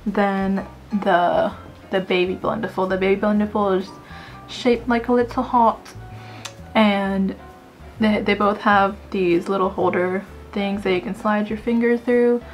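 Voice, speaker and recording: A woman's voice: medium pitch, fairly even intonation, a little slow, faint music behind. A woman beauty vlogger giving a casual, jokey product review to camera, chatting and giggling.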